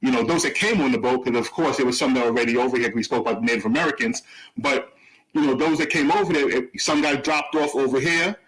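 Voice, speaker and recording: A man's voice: mid-range voice, fast talker, a bit bright, poor audio. A man co-hosting a radio talk show, speaking reflectively and explaining his points with analogies and many fillers. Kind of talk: casual radio discussion.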